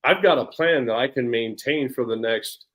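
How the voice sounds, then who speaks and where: A man's voice: mid-range voice, moderate pace, a bit bright. A man in his forties, a personal development coach, talking in a casual interview with energy and frequent restarts and repeated words. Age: 40s. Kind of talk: casual podcast interview chat.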